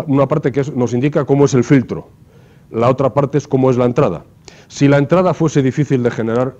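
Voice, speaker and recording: A man lectures to his class in a mellow, dark voice, walking through the material step by step. He keeps checking in with rhetorical questions. The recording is muffled and lo-fi. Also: mid-range voice. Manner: explanatory, asks rhetorical questions with frequent tag "¿no?". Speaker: university lecturer.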